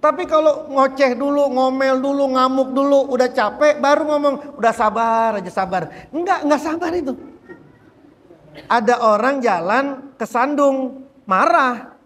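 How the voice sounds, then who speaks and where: A man teaching a religious book study, animated and repeating phrases as he drives a point home. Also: extremely high pitch, a little slow, long reverb tail. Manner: animated, repeats phrases, acts out quoted speech. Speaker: Islamic teacher.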